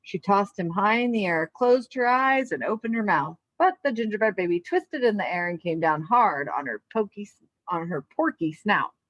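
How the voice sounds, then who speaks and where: Speaking to young kids, a female elementary physical education teacher leads a lesson and reads a storybook aloud, her mid-range voice expressive at a normal speed. The audio is poor, though dry and free of echo.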